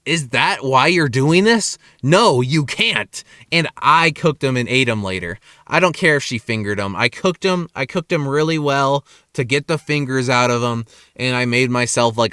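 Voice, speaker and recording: Young guy vlogger, bright smooth voice, dry close sound, swears a lot while ranting. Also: on the high side, no room sound. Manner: animated, profane ranting about work. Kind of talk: casual storytelling monologue. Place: parking lot at night.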